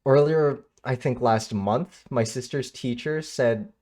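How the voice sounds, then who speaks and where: A man's voice: medium pitch, takes it slowly, a little mellow. A man streaming live, talking casually and candidly to his chat, swearing now and then and answering comments as he goes. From Michigan, United States. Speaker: livestreamer. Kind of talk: casual livestream talk to chat.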